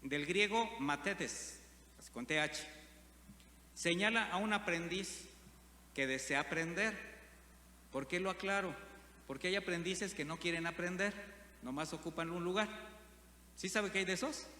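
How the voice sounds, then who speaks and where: A man preaches a sermon, often putting questions to the congregation. His voice is bright and forceful. It rings through a roomy church hall with a long echo and a faint hum behind it. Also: high-pitched, normal speed, long pauses. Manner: asks the congregation frequent rhetorical questions. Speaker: pastor.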